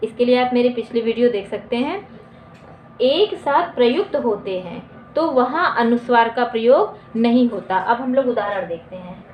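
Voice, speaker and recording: A woman teacher giving a grammar lesson at a board. She asks her students questions and answers them herself, and she repeats each definition slowly. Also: on the high side, lively intonation, a little mellow, slight background noise. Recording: echoey dull lo-fi room recording.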